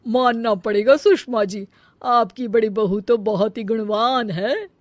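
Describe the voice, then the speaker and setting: Woman voicing a gushing, drawn-out visiting aunt. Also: on the high side, no echo, lightly acted. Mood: admiring. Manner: drawn-out, effusive. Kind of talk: cartoon family drama acting.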